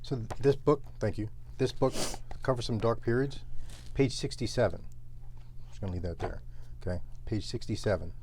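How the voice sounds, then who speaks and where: A man hosting an interview podcast, talking in a relaxed way with many fillers as he wraps up. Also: fairly low pitch, normal speed, slight background noise. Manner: relaxed, filler-heavy wrap-up talk. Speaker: podcast host. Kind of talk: casual interview chat.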